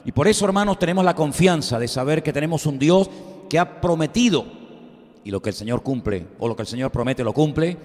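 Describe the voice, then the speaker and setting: A man's voice: fairly high pitch, animated, fairly quick, darkish tone. A middle-aged man preaching a sermon the pulpit, emphatic and full of rhetorical questions to the congregation. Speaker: pastor. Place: church sanctuary. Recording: long church reverb.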